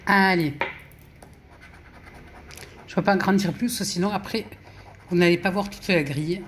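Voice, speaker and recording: A female YouTuber casually chats at home during puzzle games, quietly reciting letters and numbers and laughing at her own mistakes. Her voice is fairly low and unhurried, with slight background noise.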